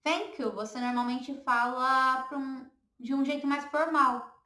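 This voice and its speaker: A woman's voice: high-pitched, flat delivery, measured pace, bright, forceful tone. A woman with a Brazilian Portuguese accent teaching a beginner English lesson, patiently repeating words for learners to echo.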